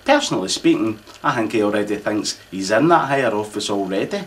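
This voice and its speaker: A man's voice: fairly low pitch, animated, a little fast. A man with a Scottish accent delivering a mock-formal Christmas address, pompous and rambling, with local slang. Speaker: comic host of a mock royal address.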